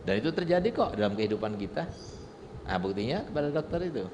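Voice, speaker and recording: A male preacher delivers a humorous sermon, teasing his listeners with rhetorical questions and stories. His medium-pitched voice rings through a large hall with long reverb. A faint background noise runs underneath. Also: big pitch swings, quick pace, muffled recording. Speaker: Islamic preacher. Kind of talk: sermon with storytelling.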